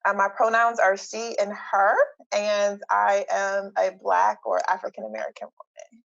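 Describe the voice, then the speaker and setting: A woman's voice: mid-range voice, little pitch movement, measured pace, creaky, fairly bright tone. A woman therapist introducing herself on an online panel in a composed, fluent way. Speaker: therapist and clinical director. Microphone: video call. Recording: dull lo-fi video call audio.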